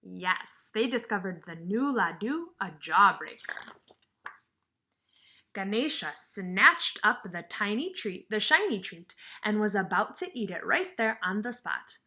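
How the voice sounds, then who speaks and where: An unhurried woman with a medium-pitched voice reads to a kindergarten class, explaining expressively and with emphasis, and she asks the children questions.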